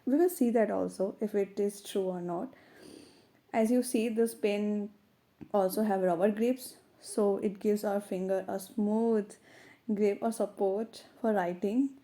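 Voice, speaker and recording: A woman's voice: medium pitch, fairly even intonation, measured pace, warm tone. A woman with an Indian accent narrating a casual product review, her voice affected by a cold.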